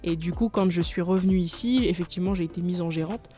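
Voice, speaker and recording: A woman's voice: lowish voice, fast, warm tone, soft background music. A woman, a company manager explaining her path earnestly in a radio studio interview. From New Caledonia. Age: 20s.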